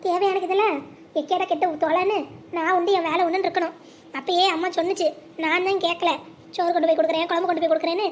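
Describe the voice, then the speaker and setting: A high-voiced performer voicing a sulky, sarcastic young husband stuck in a jail cell. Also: flat delivery, racing, a little hiss or hum. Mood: grumbling. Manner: grumbling, sarcastic.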